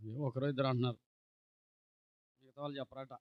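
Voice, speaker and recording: A man preaching a sermon as pastor, exhorting his congregation and calling out for hallelujahs, swinging between loud preaching and quiet asides. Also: medium pitch, fairly even intonation, quick pace, dull audio. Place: church sanctuary.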